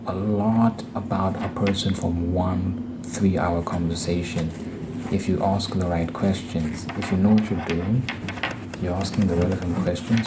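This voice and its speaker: Low-voiced man talking casually over background noise. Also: gravelly. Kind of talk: casual opinionated monologue.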